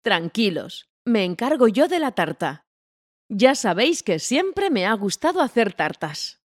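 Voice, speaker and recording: A woman's voice: a little high, very animated, unhurried. A woman reading her part in a scripted language-learning dialogue, mostly asking attentive questions. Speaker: dialogue reader.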